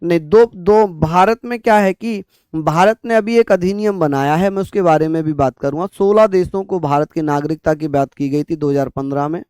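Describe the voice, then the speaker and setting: A man's voice: a little high, normal speed, a little mellow, no echo. Young guy teaching an exam prep class, keeps repeating stuff, dry close sound. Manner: calls students brother and sister, repeats points, asks "clear?". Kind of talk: online exam-prep lecture.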